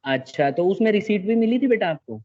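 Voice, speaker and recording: Patient male teacher, slightly high voice. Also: big pitch swings, brisk, a little mellow, dull audio. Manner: patient, checks understanding often, mixes in English terms. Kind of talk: classroom lecture.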